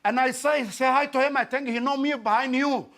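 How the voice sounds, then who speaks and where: A man's voice: extremely high pitch, fairly even intonation, a little fast, a bit bright. A man in a casual interview, eager and talking in broken English. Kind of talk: casual chat.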